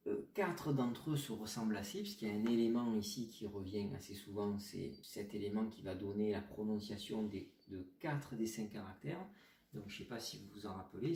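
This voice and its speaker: A man's voice: on the low side, dark tone, recorded from a distance. Man teaching tones in a roomy space. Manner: patient, explanatory, models tones slowly. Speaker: Chinese teacher. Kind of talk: pronunciation lesson.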